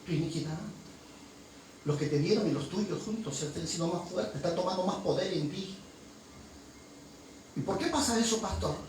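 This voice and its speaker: High-voiced preacher in an echoey church. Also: male voice, normal speed, long pauses, a little mellow. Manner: impassioned preaching with call-and-response questions. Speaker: pastor. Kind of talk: sermon. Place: church hall. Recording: very echoey hall, voice from far off, faint noise.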